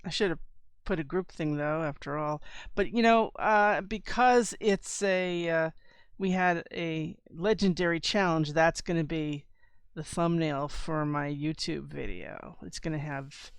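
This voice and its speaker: A woman's voice: low-pitched, fairly even intonation, measured pace, smooth, dry recording. A woman hosting a let's play, giving casual, rambling gameplay commentary. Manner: rambling, chatty. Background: game music.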